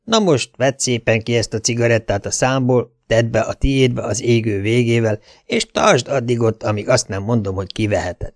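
A man's voice: medium pitch, few pauses, no room sound, clean studio sound, close to an everyday voice. A man voicing a sadistic gangster thug, Dante. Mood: menacing. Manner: menacing, commanding. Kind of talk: audiobook character voice.

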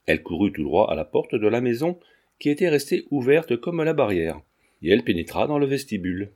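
A man narrating a classic novel as an audiobook, in measured, scripted storytelling. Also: medium pitch, sing-song, darkish tone.

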